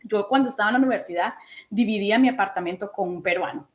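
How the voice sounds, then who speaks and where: A woman in her thirties giving a casual online English lesson in a lively, chatty way, often asking her listeners questions. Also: medium pitch, quick pace. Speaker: English teacher.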